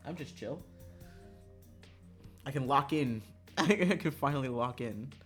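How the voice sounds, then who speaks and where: Taking it slowly with an animated, medium-pitched voice, this young adult streamer chats casually over a visual novel and reads it aloud on a livestream. Playful and theatrical, they burst into yelling and laughter while music plays in the background.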